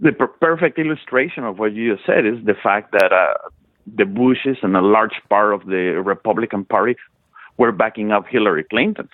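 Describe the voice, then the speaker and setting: A male guest in a political talk show conversation, speaking in measured, emphatic phrases. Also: lowish voice, dry recording. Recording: tinny phone line.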